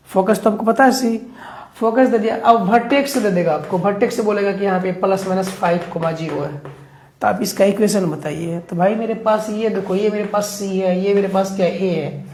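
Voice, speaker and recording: A man's voice: high-pitched, a little mellow. A man teaching maths at a board, chatty and keeps checking in with his students. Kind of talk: board lesson explaining steps. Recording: echoey room, faint background noise.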